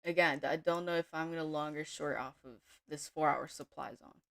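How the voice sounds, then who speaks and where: A woman day trader giving casual live-stream commentary from her home desk, thinking aloud in a relaxed way with small restarts. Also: low voice, brisk, no echo, clean studio sound.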